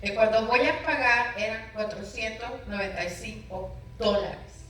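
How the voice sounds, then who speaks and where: A woman's voice: fairly high pitch, steady tone, unhurried, fairly bright tone, a little hiss or hum. A middle-aged woman pastor telling her personal testimony in an interview, emotional and storytelling, acting out remembered conversations. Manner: emotional, storytelling with dramatic retold dialogue. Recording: very echoey room, voice from far off.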